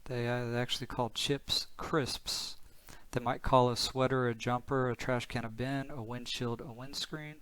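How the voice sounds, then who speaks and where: A man's voice: mid-range voice, flat delivery, moderate pace, a bit bright, poor audio. A male teacher narrating a lesson in an upbeat, explanatory way.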